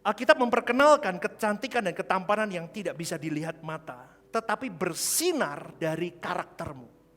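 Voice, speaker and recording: Animated pastor man, echoing church hall. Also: sits high, moderate pace. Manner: swings between loud emphatic calls and hushed asides. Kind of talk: sermon. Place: church sanctuary. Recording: long church-hall reverb with faint music.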